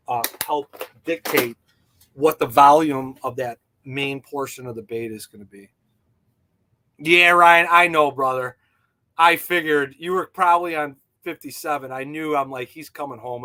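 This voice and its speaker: A man's voice: medium pitch, bright, forceful tone. A man hosting a casual livestream, rambling enthusiastically with many fillers and answering viewers' chat. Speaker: livestream host and jig designer.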